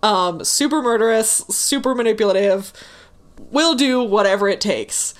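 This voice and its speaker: A woman's voice: medium pitch, moderate pace. A woman co-hosting a podcast in loose, casual chat. She gushes and swears freely, and her talk is full of "like"s and "um"s. She breaks into laughter often. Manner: gushing, profane. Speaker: podcast co-host.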